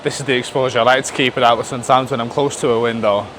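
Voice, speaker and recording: A man's voice: mid-range voice, steady tone, very fast, noisy background. A man muttering casually and thinking aloud as he films a gym vlog. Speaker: fitness vlogger. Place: indoor gym.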